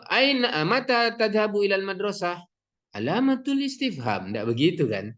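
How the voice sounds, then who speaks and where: A man giving a lecture on teaching writing, explaining step by step with Arabic terms, fillers and self-corrections. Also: mid-range voice.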